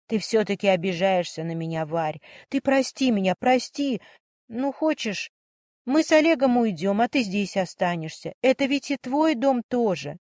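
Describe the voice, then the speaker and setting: A woman's voice: medium pitch, lively intonation, normal speed, darkish tone, dry recording, lightly acted. Woman reading worried young woman, pleady and fussy, dry close mic. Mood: pleading. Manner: pleading, fussing. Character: worried, emotional young woman, older sister figure.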